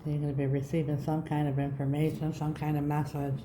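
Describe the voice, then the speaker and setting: A woman's voice: low voice, little pitch movement, a little fast, background noise. A woman with a lisp, speaking as a tarot reader giving a reading to her viewers. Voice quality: lisping after mouth surgery. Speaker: tarot reader, channel host.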